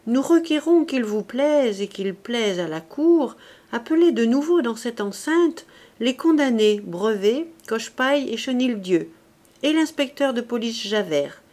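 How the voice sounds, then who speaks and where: A woman's voice: fairly high pitch, animated, unhurried, a little mellow. A woman voicing a stern male public prosecutor who speaks in a severe, formal, accusing way.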